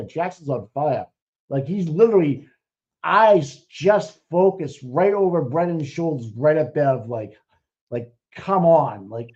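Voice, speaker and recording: Excitable man, muffled stream audio. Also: on the high side. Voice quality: profane, excitable, rambling with restarts. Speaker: co-host. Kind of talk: casual chat.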